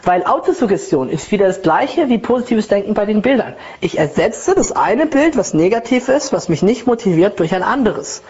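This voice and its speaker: In a lecture built on personal anecdote, a woman gives a personal development talk, telling her own story conversationally with tag questions and acting out inner voices. Her medium-pitched, slightly mellow voice is animated, moderately paced with hardly any pauses, and the highs are cut off.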